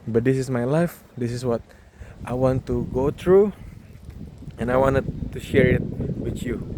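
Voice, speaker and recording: A man in his twenties with an Indonesian accent vlogs while walking outside, speaking in a candid, casual, reflective way with frequent pauses and bits of English mixed in. His voice is mid-range with a dark tone, and wind and ambient noise come through the outdoor recording.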